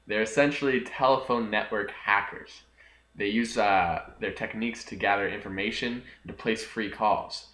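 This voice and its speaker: A man's voice: fairly low pitch, steady tone, normal speed, pushed and bright, roomy sound, low-quality recording. A young man hosting a jokey, scripted history lesson, talking back to himself between facts. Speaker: host of a homemade history video.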